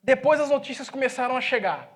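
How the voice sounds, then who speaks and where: A man with a Brazilian accent, a pastor preaching in a church, telling a story with lively swings from loud to hushed speech. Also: extremely high pitch, fast. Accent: Brazilian Portuguese. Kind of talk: sermon storytelling. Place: church sanctuary.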